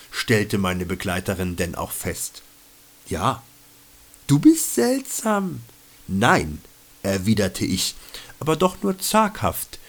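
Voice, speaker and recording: A man reading his own travel diary aloud in a wry, mock-dramatic, self-mocking way. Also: medium pitch. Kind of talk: scripted first-person storytelling.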